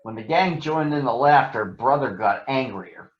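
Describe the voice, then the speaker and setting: A man reading a children's story aloud in an expressive, deliberate storytelling manner. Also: medium pitch. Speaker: storybook reader. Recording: roomy echo, dull lo-fi sound.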